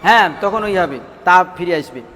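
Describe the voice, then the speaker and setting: A man's voice: sits high, expressive, a little fast, fairly bright tone, long reverb tail, a little hiss or hum. A man teaching Quran recitation rules in a classroom, asking his students questions, repeating the answers and drawing out syllables as a drill. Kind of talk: classroom lesson.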